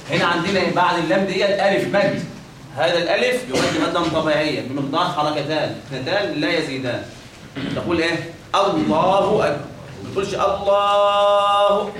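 A man's voice: on the high side, fairly bright tone, a little hiss or hum. A man with an Egyptian accent teaching the pronunciation of the call to prayer. He repeats each sound and checks that his students follow. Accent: Egyptian Arabic. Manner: drills pronunciation, repeats examples, checks with "خلاص؟". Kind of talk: classroom lesson with demonstrations. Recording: echoey room, mic at a distance, faint ambience.

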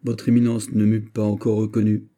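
Un homme qui lit et joue un noble comte fier, répondant sèchement et avec calme. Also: male voice, fairly low pitch, fairly quick, natural voice. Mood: sec. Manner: sec, impassible, réponses mesurées. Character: noble comte mousquetaire, fier, froid, digne.

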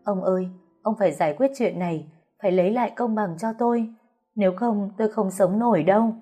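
A woman's voice: mid-range voice, brisk, warm tone, slightly rough, soft background music, pitched above the performer's own voice, natural voice. A woman voicing a tearful, wailing older second wife in an audio story.

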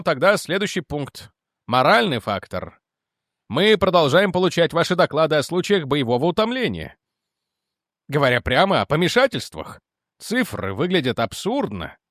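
A man's voice: fairly high pitch, very animated, normal speed, fairly bright tone, no echo, studio quality. A man voicing an officious government representative who presses demands and questions. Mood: indignant demanding.

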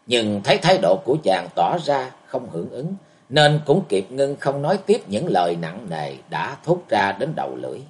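Expressive male storybook narrator. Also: medium pitch, moderate pace. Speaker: audiobook narrator. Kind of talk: martial arts novel narration.

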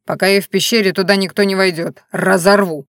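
A woman voicing a chained male bear forest spirit who speaks in curt, flat threats. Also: mid-range voice, brisk, dry recording, clean studio sound, close to an everyday voice. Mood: gruff.

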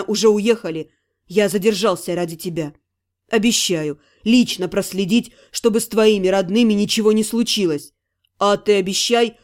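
A woman voicing a tender, protective male necromancer in an audiobook, speaking low, soft and soothing. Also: natural voice.

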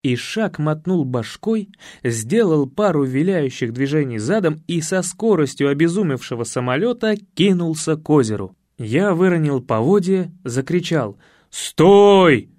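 A man reading a comic story aloud, his voice rising and falling with expression. The recording is close and dry, with a slightly higher than usual pitch. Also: lively intonation, moderate pace, a little mellow, dry recording. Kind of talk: audiobook narration.

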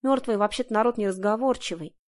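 A woman reading the lines of a hoarse, brutal male bandit who mocks loudly. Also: a little high, quick pace, lightly acted. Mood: jeering.

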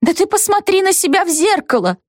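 A woman voicing a hysterical young woman who wails and shrieks in a shrill, drawn-out voice. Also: big pitch swings, dry recording, clean studio sound. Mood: indignant.

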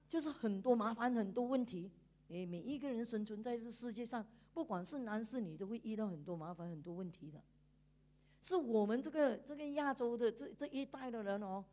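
A woman preaching a sermon in church, animated, with frequent laughter and emphatic sentence endings. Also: a little high.

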